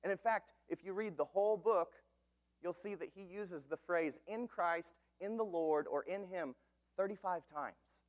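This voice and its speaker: Pastor in his thirties, high tenor; earnest, emphatic sermon delivery. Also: muffled recording. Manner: earnest, emphatic preaching with slow stressed phrases.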